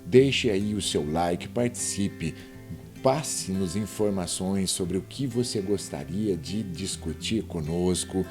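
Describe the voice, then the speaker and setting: A man with a Brazilian accent teaching a Portuguese grammar lesson. He speaks straight to the viewer and drags out example words slowly so they can be clearly heard. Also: low-pitched, music in the background. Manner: didactic, spells words out slowly and addresses the viewer directly.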